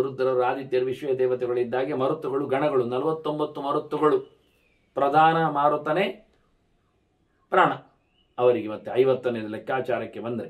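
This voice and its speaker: An older man giving a lively scriptural discourse, acting out the characters as he tells the stories. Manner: animated, swings pitch and loudness, voices characters in quotes. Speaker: scholar giving a religious discourse.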